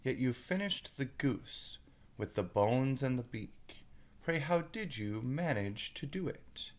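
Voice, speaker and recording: A man's voice: medium pitch, expressive, slow, voice pushed up. A man playing a cheeky, inquisitive young man reciting rhythmic storybook verse to his father. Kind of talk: storybook poem reading.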